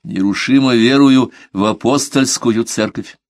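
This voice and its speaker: A man voicing a devout male merchant who answers politely, measured and quietly firm, in an audiobook. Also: mid-range voice, dry recording, clean studio sound, natural voice. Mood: composed. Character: calm devout male merchant under questioning. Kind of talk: audiobook character reading.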